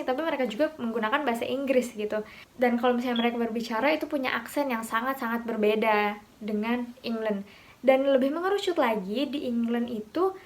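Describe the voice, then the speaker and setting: A woman from Indonesia explaining pronunciation in a relaxed, chatty vlog, thinking aloud as she goes. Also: a little high. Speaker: vlogger teaching pronunciation.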